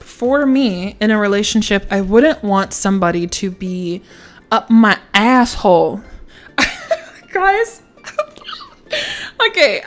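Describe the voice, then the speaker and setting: Giggly, swearing woman streamer, slightly high voice. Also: fairly bright tone. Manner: swears casually and breaks into laughter. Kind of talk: casual livestream chat. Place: standing at a home streaming setup.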